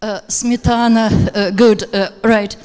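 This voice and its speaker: A woman's voice: on the high side, level tone, takes it slowly, a little mellow, smooth. A woman leading a teacher workshop, speaking hesitantly with many fillers. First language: Russian. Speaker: teacher trainer. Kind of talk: workshop lecture. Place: seminar room. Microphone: handheld microphone. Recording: hall reverb.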